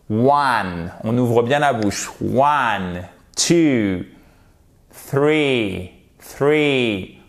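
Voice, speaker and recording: A man's voice: medium pitch, a little mellow. A man teaching a pronunciation lesson, repeating words in careful drills and speaking straight to his viewers with a light teasing tone. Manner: slow, drilled repetition with pauses; addresses viewers directly and teasingly. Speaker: English teacher.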